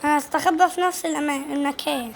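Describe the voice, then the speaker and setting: A woman with an Egyptian Arabic accent giving casual, excitable gameplay commentary, breaking into sudden squealing exclamations. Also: high voice, rapid-fire, vocal fry, a little hiss or hum. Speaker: gaming channel host.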